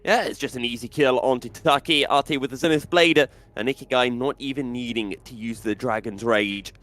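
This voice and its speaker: A man casting esports play-by-play live, with animated, dramatic calls. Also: mid-range voice, moderate pace, no room sound, soft background music.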